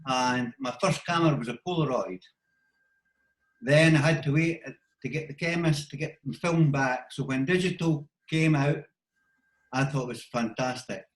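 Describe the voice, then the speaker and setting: A man's voice: mid-range voice, normal speed, roomy sound, low-quality recording. A man with a Scottish accent, a wildlife photographer giving practical step-by-step advice in an interview over a video call. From Scotland. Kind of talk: casual explanatory interview talk.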